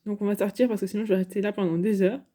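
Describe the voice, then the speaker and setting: A woman's voice: medium pitch, steady tone, rapid-fire, warm tone. A woman giving casual, chatty commentary over game footage, hesitant and full of fillers. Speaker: gaming YouTuber.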